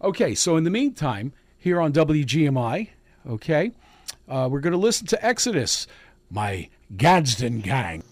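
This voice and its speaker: A man hosting a live morning radio show, chatting in a halting, folksy way from the studio and calling listeners neighbor. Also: a little high, sing-song, darkish tone, no echo. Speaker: radio host. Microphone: studio mic.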